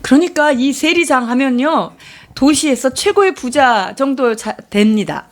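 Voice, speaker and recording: A woman's voice: high-pitched, lively intonation, a little slow. A woman interpreting a sermon live, explaining and restating each point with fillers.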